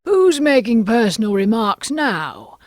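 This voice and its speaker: A woman puts on an eccentric storybook hatter, a huffy man pitched very high. Words are stretched out and hit hard, with theatrical emphasis. The melody leaps up and down constantly. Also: very animated. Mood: pert, triumphant. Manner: emphatic, drawn-out, theatrical delivery. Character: eccentric, huffy male Hatter at mad tea party.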